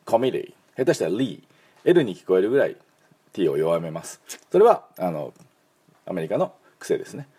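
A man's voice: deep voice, big pitch swings, moderate pace, dark tone, husky. A man who runs an English school, giving a pronunciation lesson with many fillers and repeating words for learners to copy. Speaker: English school principal and teacher.

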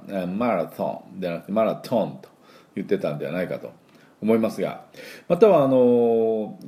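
Middle-aged male English teacher, low voice that swoops up and down, casual lesson host with lots of drawn-out fillers. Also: warm tone. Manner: chatty and explanatory, with many drawn-out fillers; demonstrates pronunciation slowly for listeners to repeat.

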